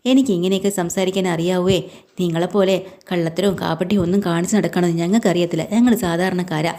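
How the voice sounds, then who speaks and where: Brief: woman retelling as a blunt, angry working man, gruff and short-spoken, in a low, mellow tone. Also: steady tone, quick pace, natural voice. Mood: curt, irritated. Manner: gruff and curt.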